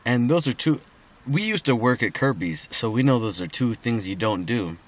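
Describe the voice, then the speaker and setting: A man's voice: mid-range voice, expressive, normal speed. A drunk man rambling casually in a personal recording, slightly slurring and losing his thread.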